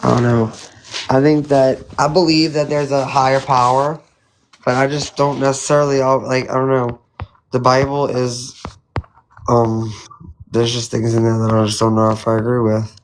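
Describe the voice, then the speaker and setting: A man's voice: medium pitch, little pitch movement, normal speed, slight background noise, poor audio. A man hosting a casual live chat, talking in a hesitant, rambling, colloquial way. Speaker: live stream host.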